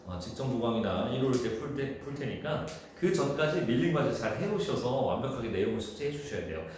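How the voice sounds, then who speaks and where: A man teaching a high school Korean class, talking casually through exam questions and thinking aloud. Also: lively intonation, fast, a little mellow. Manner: casual, thinks aloud, acts out quoted dialogue in a raised voice. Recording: echoey room with faint noise.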